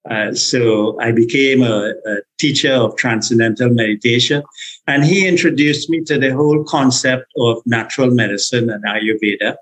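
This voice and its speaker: A man's voice: mid-range voice, moderate pace, a bit bright, poor audio. A man from Trinidad and Tobago, answering interview questions about his background with frequent restarts and small laughs. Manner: hesitant, with restarts and little laughs. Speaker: guest, meditation teacher and health consultant.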